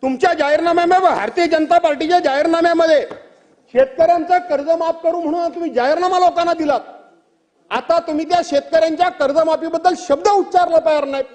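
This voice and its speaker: A male legislator making a forceful, accusing assembly speech. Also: extremely high pitch. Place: state legislative assembly chamber. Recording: long reverb of a large assembly hall.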